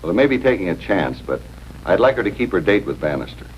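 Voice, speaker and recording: A man's voice: deep voice, very animated, fast. A man playing a confident, matter-of-fact police detective in a 1950s TV broadcast drama. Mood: brisk. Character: confident middle-aged male police detective. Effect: 1950s TV broadcast sound. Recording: dull lo-fi 1950s TV soundtrack with faint hiss.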